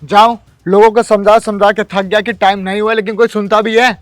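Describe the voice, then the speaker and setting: Brief: a man doing a frazzled guard with a highish, snappy voice. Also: fairly quick, no echo, natural voice. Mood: irritated. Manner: exasperated and sharp. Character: harried, irritable male security guard. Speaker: security guard.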